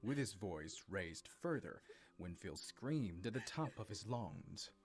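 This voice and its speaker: Low-voiced man narrating a drama story. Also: sing-song, slow, faint music behind.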